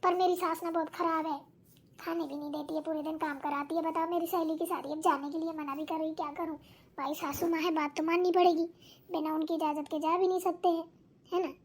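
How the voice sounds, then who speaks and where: A woman's voice: extremely high pitch, fairly even intonation, fairly quick. A woman voicing a chatty young daughter-in-law in a cartoon who talks straight to viewers. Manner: chatty, addresses viewers directly. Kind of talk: cartoon voice acting.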